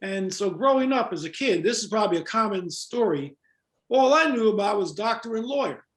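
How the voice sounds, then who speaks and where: Born in Jamaica and raised in New York, an older former club promoter with an American accent reminisces and explains things in a conversational interview. His voice sits high, expressive, fairly quick and a bit bright, captured in a rough recording with a roomy sound.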